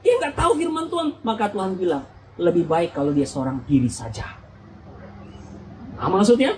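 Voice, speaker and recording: A young adult preacher speaks at a church youth retreat with a pitch that leaps all over, acting out small scenes and firing questions at the listeners. A faint hiss of room noise sits underneath. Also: normal speed, poor audio. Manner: animated, acts out little scenes and quizzes the audience. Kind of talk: lively youth sermon.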